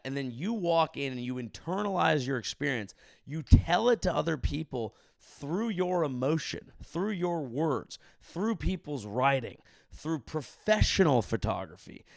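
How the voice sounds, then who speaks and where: A man's voice: on the high side, vocal fry, no echo, studio quality. A drunk man vlogging in a rambling, earnest monologue, swearing freely as he goes. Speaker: content creator, vlogger. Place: hotel room.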